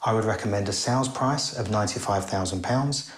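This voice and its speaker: A man's voice: fairly low pitch, brisk. A man working as an estate agent, giving a matter-of-fact appraisal of a house point by point. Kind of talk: property appraisal. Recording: echoey room with faint music.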